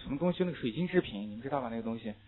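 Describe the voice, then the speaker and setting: A man teaching an English class, lively and chatty, mixing in English phrases and anecdotes. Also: mid-range voice, rapid-fire, a little hiss or hum. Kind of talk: classroom lecture. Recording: tinny, phone-like lecture recording.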